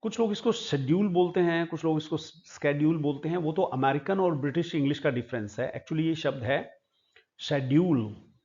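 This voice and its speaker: A man's voice: a little high, a little mellow. Indian guy teaching pronunciation, says each word over and over, kinda dull lo-fi audio. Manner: slow, repeats each word several times. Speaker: English teacher. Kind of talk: pronunciation lesson.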